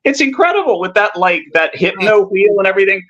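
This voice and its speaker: A man's voice: high-pitched, big pitch swings, fairly bright tone. Dull-sounding recording of an enthusiastic, rambling man. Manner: enthusiastic, rambling, halting with repeated words. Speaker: film podcast co-host. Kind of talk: casual chat about cult movies.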